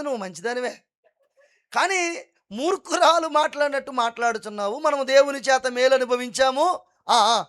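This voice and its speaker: High-pitched fervent man preaching. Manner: fervent preaching, repeatedly urging the congregation to praise loudly. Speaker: pastor. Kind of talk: sermon. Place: church at an all-night prayer meeting.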